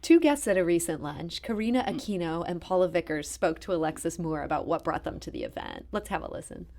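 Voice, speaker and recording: A woman's voice: on the low side, big pitch swings, brisk, gravelly, darkish tone. A woman hosting a radio interview who asks her questions in a polished, conversational way. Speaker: radio host.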